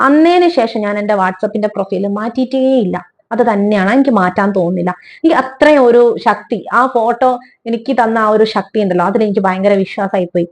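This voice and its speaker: A woman's voice: medium pitch, fairly quick. A young woman, telling a personal story in a heartfelt, conversational way. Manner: heartfelt, conversational, animated retelling.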